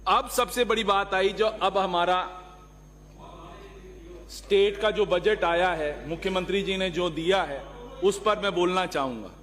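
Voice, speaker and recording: High-voiced man giving an assembly speech. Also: a little slow, fairly bright tone. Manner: argumentative, rhetorical questions, mixes in English phrases. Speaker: legislator. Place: legislative assembly hall. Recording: long reverb of a large hall.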